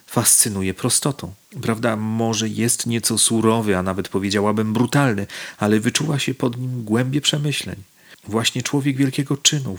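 A man voicing an effusive young society woman who showers her companion with flattery, in a spoken audiobook. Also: on the low side.

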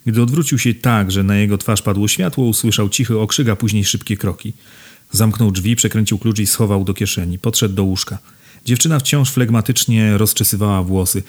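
Low-voiced man narrating a novel. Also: brisk. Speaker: audiobook narrator. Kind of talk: scripted literary narration.

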